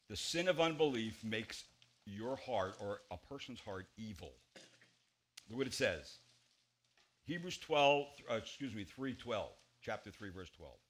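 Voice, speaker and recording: Emphatic pastor preaching from the pulpit. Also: male voice. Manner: emphatic, gesturing widely, swings between loud stresses and quiet low drops. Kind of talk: expository sermon. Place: church sanctuary at a pulpit.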